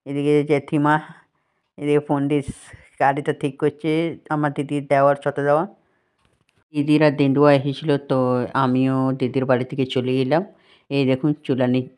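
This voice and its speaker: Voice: mid-range voice, darkish tone. Chatty vlogger. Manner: chatty, points things out to viewers. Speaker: family vlogger. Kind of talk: casual walking vlog commentary. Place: outdoors, walking through a village, fields and a house.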